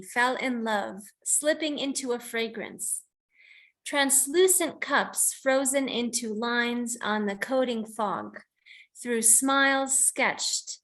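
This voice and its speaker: A fairly bright, higher-pitched female voice belongs to a poet from the United States. She is hosting a poetry reading over video call, presenting her own work informally and explaining it as she reflects.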